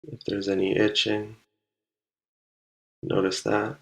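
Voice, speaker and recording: A man guides a meditation in a calm, unhurried way, giving short instructions separated by long pauses. His pitch sits fairly low, with some vocal fry.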